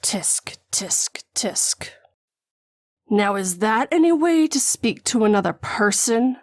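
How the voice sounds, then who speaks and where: A woman voicing a vengeful grieving mother who speaks calmly and mockingly in a horror story. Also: on the high side, no room sound, studio quality, close to an everyday voice. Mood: coldly menacing. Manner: slow, calm and mocking.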